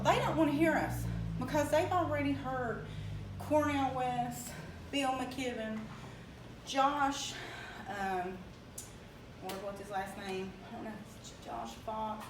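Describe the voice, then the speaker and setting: A young woman with an Appalachian accent tells a story with an animated, laughing delivery and acts out the people she quotes. Her voice sits high. The recording sounds echoey and distant, with faint ambience. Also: measured pace, noisy background. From Appalachia, West Virginia. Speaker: speaker telling her story. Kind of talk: casual storytelling talk. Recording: echoey room, mic from far off, faint ambience.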